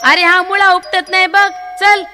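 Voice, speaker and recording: A woman voicing a practical village farmer's wife and mother, talking loudly and with animation, in a hall with long reverb and faint music behind. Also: extremely high pitch, flat delivery, unhurried, pitched above the performer's own voice. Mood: bustling.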